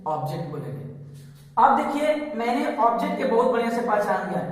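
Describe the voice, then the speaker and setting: A man's voice: extremely high pitch, animated, brisk. A male teacher explains a grammar lesson step by step. He asks rhetorical questions and then answers them himself. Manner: repetitive, explains step by step with examples. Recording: echoey hall, mic far off.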